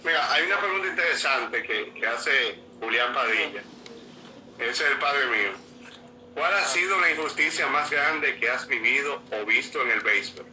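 A man hosting a casual interview, asking short, direct questions calmly. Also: mid-range voice, normal speed. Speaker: interview host. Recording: distant mic with faint noise.

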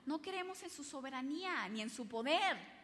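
Woman, conference speaker, bright tone, animated, audience questions, reverberant hall. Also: sits high, moderate pace. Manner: animated, acts out quoted voices, asks audience questions. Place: large hall before an audience.

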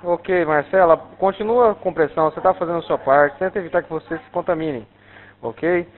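A man's voice: a little high, fairly quick. Brazilian male dispatcher over a tinny phone line. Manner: directive, reassuring, repeats instructions. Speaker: emergency medical dispatcher on a call. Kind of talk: over-the-phone emergency instructions. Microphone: telephone call. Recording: tinny, narrow-band telephone line.

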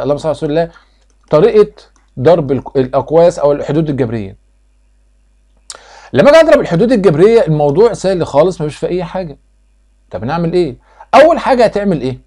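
Speaking very quickly in a mellow voice that sits somewhat high for a man, an Egyptian-accented math teacher reviews material with his class. He quizzes them, supplies his own answers, and hammers each step through repetition.

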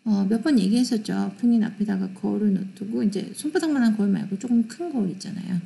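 Korean-speaking woman teacher, online pronunciation class, mellow fry-ish voice, slow careful model words. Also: medium pitch. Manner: explains in quick Korean, reads English models slowly and deliberately. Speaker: English pronunciation instructor. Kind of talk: online lecture.

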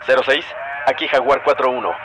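A man's voice: mid-range voice, fairly even intonation, fairly quick, very noisy. An actor playing a male attack pilot, giving clipped military calls over a helmet radio. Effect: helmet radio transmission. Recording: radio voice over loud gunfire.

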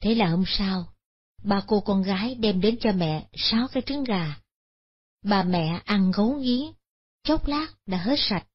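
A woman tells a Buddhist moral story in a measured, solemn way. Her voice is husky, and the recording sounds dull and lo-fi. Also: mid-range voice. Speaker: narrator.

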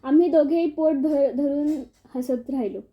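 A woman's voice: high voice, a little slow. A woman reading a humorous village story aloud, telling it expressively and acting out the outbursts. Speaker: audiobook narrator. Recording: dull lo-fi recording.

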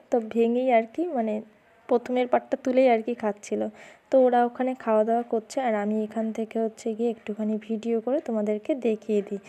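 A woman's voice: on the high side, dark tone. A young woman from West Bengal, India, chatting casually as a vlogger while she walks around an outdoor food fair, repeating easy fillers as she goes. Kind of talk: casual vlog narration.

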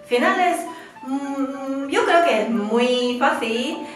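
A woman, a Mandarin speaker, giving a slow and patient beginner lesson, drawing out syllables for her students to repeat. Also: sits high, lively intonation, soft background music. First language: Mandarin Chinese. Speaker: Chinese teacher. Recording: roomy echo.

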